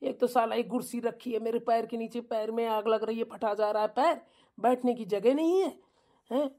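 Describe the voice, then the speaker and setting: A woman voicing a meek, put-upon young husband who grumbles and tries to calm things down in a cartoon comedy. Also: fairly high pitch, normal speed, natural voice. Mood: grumbling. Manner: complaining, placating. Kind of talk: cartoon voice acting.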